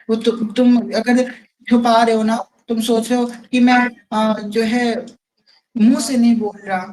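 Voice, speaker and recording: A woman's voice: on the high side, mellow, slight background noise, poor audio. Earnest woman giving devotional discourse. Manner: earnest, repetitive, pleading phrasing. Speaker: devotional speaker.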